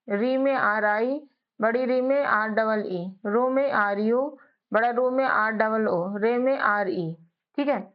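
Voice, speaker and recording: Woman teacher going letter by letter real slow, kinda higher voice, muffled low-fi audio. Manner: patient, drills letter by letter, often asks and answers herself. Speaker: English teacher. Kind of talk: spelling lesson for beginners. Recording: dull lo-fi audio.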